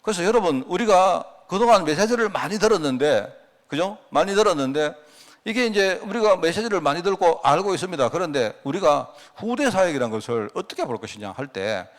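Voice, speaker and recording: A man's voice: high-pitched, lively intonation, fairly quick. A man pastor giving a midweek church sermon, pressing his listeners with constant rhetorical questions.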